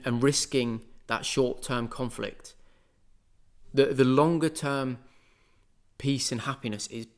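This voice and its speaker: A man talks through his thoughts in a loose, casual monologue, circling back with asides and fillers. His voice sits at an ordinary middle pitch for a man. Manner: rambling, conversational, with many asides. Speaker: podcast host.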